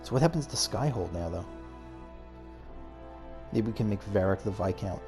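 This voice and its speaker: This gamer speaks at a normal speed in a lowish voice with lively intonation. He thinks out loud through his playthrough, switching between relaxed remarks and dramatic readings of the on-screen story, with game music in the background.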